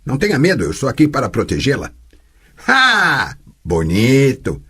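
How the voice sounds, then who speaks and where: A man voicing a gruff, mocking male swordsman who trains a girl, speaking bluntly in an audiobook. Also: mid-range voice, wildly swooping pitch, moderate pace, sharp tone, full character voice. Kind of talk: audiobook character voice.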